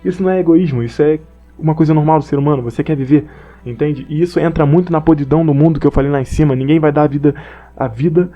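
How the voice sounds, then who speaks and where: A young man with a Brazilian Portuguese accent comments on an anime in a casual, slangy, rambling monologue, partly reading from notes. His voice runs on the high side at a quick pace, and the dull audio carries faint background music.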